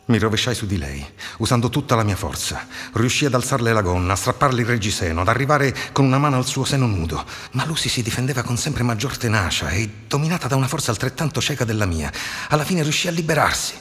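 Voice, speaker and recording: A man narrating a novel excerpt in an intense, expressive dramatic reading. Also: mid-range voice, fast talker, hardly any pauses. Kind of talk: dramatic literary reading over music. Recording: long reverb under loud guitar music. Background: loud plucked guitar music.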